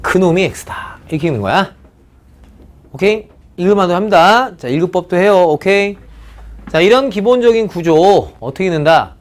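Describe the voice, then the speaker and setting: Male math lecturer, high and very animated, drawls key words, constant check-ins. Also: normal speed. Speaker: math teacher. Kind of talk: recorded online math lecture.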